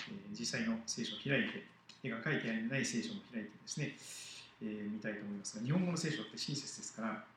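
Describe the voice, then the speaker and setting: Animated man telling a sermon story, echoey hall. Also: mid-range voice, noisy background. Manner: animated, acting out voices in the story. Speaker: pastor.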